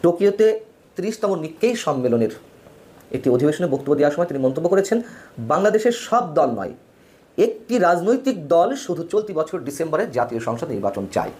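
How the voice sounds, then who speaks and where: A man's voice: very animated, brisk, darkish tone. Emphatic man giving political commentary. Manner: emphatic, pitch swings widely between phrases. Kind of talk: opinionated news commentary.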